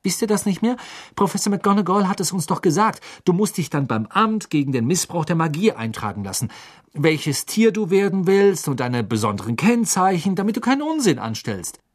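A man's voice: sits high, expressive, normal speed, hardly any pauses, a little mellow, husky, voice pushed up. Hermine, a man doing an insistent bookish schoolgirl. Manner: urgent and lecturing. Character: earnest bookish teen witch girl, insistent.

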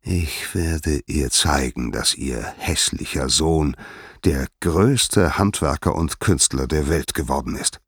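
A man voicing a gruff, proud male smith god in a storybook reading, speaking plainly and low. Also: slow, no echo, studio quality, heavily acted.

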